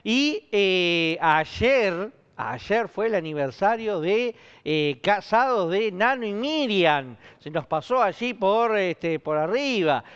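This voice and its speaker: A man's voice: high voice, a bit bright, clear, resonant tone. A man with a Rioplatense Spanish accent, a pastor making informal church announcements with many fillers. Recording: muffled lo-fi stream.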